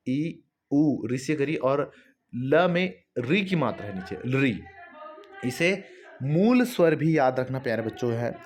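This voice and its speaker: A man's voice: mid-range voice, darkish tone, a little hiss or hum. A man teaching an exam-prep grammar lesson, asking questions and answering them himself, checking in often with his students. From Chhattisgarh. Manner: explanatory, repetitive, asks and answers own questions; addresses students directly with fillers like "है ना".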